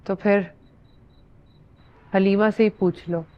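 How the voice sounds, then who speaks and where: Actress as a solemn, ominous knower of secrets, very slow, dull lo-fi sound. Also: female voice, mid-range voice, fairly even intonation, clean tone, natural voice. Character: grave woman who knows the dead girls' secret. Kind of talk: TV horror drama acting.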